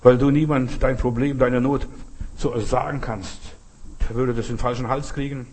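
A man's voice: mid-range voice, steady tone, normal speed, darkish tone, slightly rough. A man preaching a sermon, driving home his points with repeated rhetorical questions. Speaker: pastor.

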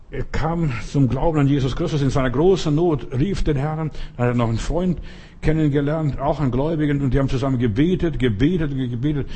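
Husky, exhorting male preacher. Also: mellow. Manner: emphatic, exhorting, with sudden jumps in pitch. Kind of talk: sermon.

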